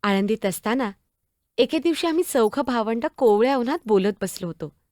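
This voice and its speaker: A woman performing a one-woman stage drama, playing a spirited young girl saint who is devoted to her brothers, blunt and sharp-tongued, pleading and expressive as she speaks to people who are not there. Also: a little high, moderate pace, soft background music, close to an everyday voice. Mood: storytelling.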